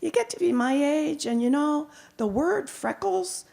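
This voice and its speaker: A middle-aged woman performing as a live storyteller, with dramatic, deliberate phrasing and frequent repetition. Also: high voice, expressive, vocal fry, a little mellow. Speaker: professional storyteller.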